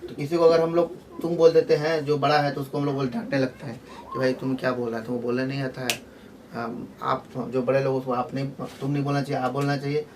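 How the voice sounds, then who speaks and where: A man's voice: medium pitch, level tone, fast, darkish tone, a little hiss or hum. A man explaining a grammar lesson in a loose, repetitive way, full of fillers and restarts, recorded from a distance with faint outdoor sound behind. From Jharkhand. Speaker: teacher. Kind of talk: casual spoken grammar lesson.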